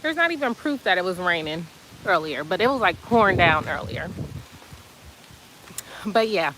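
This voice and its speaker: A woman's voice: lowish voice, moderate pace, a little hiss or hum, poor audio. A woman vlogging on her phone while walking outdoors to the beach, chatty and out of breath, saying y'all. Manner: chatty, animated, says y'all. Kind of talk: casual vlog chat. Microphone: phone camera.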